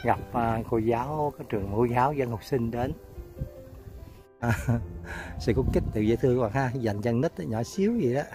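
A man's voice: mid-range voice, animated, moderate pace, over music. A man vlogging outdoors as he walks through a garden, talking straight to his viewers in a chatty way. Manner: chatty, addresses viewers directly. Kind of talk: casual vlog narration.

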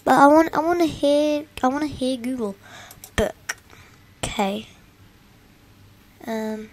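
A woman's voice: sits high, takes it slowly. A woman vlogger giving casual commentary while playing a drawing game, humming and muttering to herself in a playful way.

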